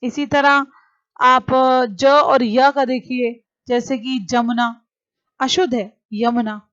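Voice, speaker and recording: Slow high-voiced woman teaching grammar. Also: fairly even intonation, fairly bright tone, clean tone, no room sound, muffled recording. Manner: explains slowly, repeats example words. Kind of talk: grammar lesson.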